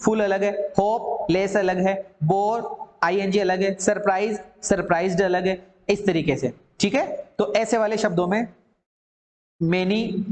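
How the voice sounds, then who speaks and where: A man's voice: high-pitched, steady tone, unhurried, darkish tone, reverberant. A man teaching an English grammar lesson, drilling word forms in lists and asking and answering his own questions.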